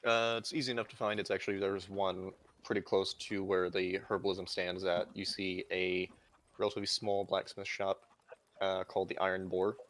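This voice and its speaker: A man with a lowish voice running a tabletop game. He explains rules and describes scenes casually, pausing with fillers. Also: level tone, fairly bright tone. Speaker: game master.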